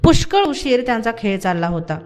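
A woman reading a novel aloud as an audiobook narrator. Her voice is fairly high and her delivery is even and measured, in a steady storytelling manner.

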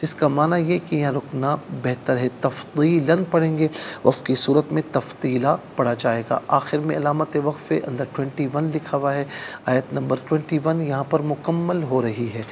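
Gravelly-voiced male Quran teacher. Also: fairly high pitch, slight background noise. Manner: slow melodic recitation between explanations. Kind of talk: recitation lesson.

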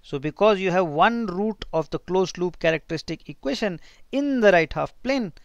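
North Indian man lecturing, clear higher-pitched voice. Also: animated, moderate pace, no echo. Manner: informal, thinking aloud, mixing in Hindi asides. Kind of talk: technical lecture with handwritten working.

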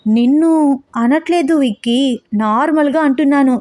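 A woman's voice: high-pitched, moderate pace, a little mellow, no echo, studio quality, close to an everyday voice. A woman voicing a playful young woman who teases her fiancé with coy remarks. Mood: teasing. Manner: teasing, coy.

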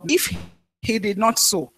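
A woman pastor preaching a sermon, telling a story in a halting way with frequent restarts. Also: mid-range voice, lively intonation, fairly bright tone, slightly rough.

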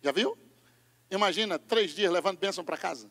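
A Brazilian man preaching a sermon as pastor, moving from hushed asides to loud shouting. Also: sits high, fairly quick, in a large hall. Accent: Brazilian Portuguese.

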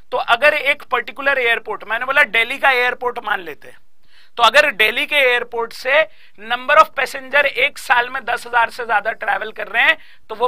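A man's voice: extremely high pitch, bright, forceful tone, no echo. A young Indian man giving a live online exam-prep lecture, repeating key points and quizzing his students aloud.

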